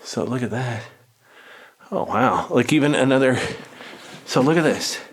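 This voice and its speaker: A man's voice: medium pitch, lively intonation, a little slow, a little hiss or hum. A man giving casual, unscripted vlog narration as he explores inside a cave, recorded on an action camera. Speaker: cave explorer filming his trip. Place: inside a cave, lava tube. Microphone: action camera mic.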